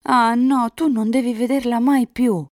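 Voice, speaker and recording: A woman's voice: normal speed, mellow, dry recording, studio quality, close to an everyday voice. A woman reading aloud, voicing a tender young woman in love who pleads earnestly. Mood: pleading. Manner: earnest, emotional, rising pitch.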